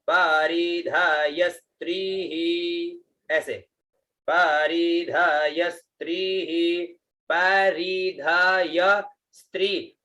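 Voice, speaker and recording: A man teaching a Vedic recitation lesson, breaking verses into syllables and chanting them slowly, often checking with the listener. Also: on the high side, bright, forceful tone, low-quality recording. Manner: slow, deliberate syllable-by-syllable teaching, frequent "है ना" checks.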